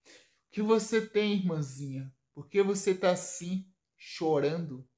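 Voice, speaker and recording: A woman's voice: lowish voice, lively intonation, measured pace, darkish tone. A woman with a Brazilian accent voicing a scheming, menacing young man in a soap plot retelling.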